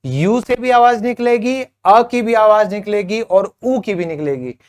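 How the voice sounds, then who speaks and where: A man teaching English pronunciation, saying each example word on its own and then explaining it, and talking directly to his viewers. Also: high voice. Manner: slow, deliberate word-by-word drilling with glosses; addresses viewers as friends, asks them to comment. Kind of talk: spoken English pronunciation lesson.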